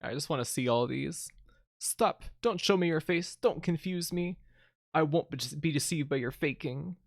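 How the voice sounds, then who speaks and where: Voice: medium pitch, normal speed, creaky, no room sound, studio quality, natural voice. Defiant devoted lover, read by a game player. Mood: defiant, stubborn. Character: defiant devoted lover refusing a devil's deception. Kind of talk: video game dialogue read aloud.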